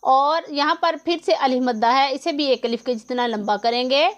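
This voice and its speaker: A woman's voice: sits high, normal speed, lo-fi sound. A woman teaching Quran recitation rules, patiently explaining each letter and how long to hold it, recorded close to the mic. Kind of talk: slow step-by-step tajweed lesson.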